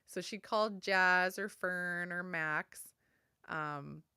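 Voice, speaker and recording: A woman, hosting a solo podcast and sharing memories in a soft, heartfelt way, close to the mic. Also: fairly low pitch, takes it slowly, clean tone, no room sound. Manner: soft, heartfelt, tender storytelling. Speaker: podcast host.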